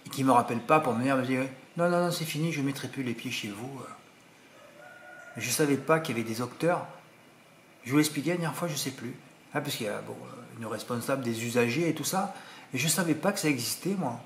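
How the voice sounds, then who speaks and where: A man from France talks straight to his viewers in a loose, rambling monologue, circling back over the same words and getting indignant as he goes. His voice sits at an ordinary middle pitch. The recording is roomy and echoey, with faint noise behind him. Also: quick pace. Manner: rambling, repeats himself, indignant. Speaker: vlogger.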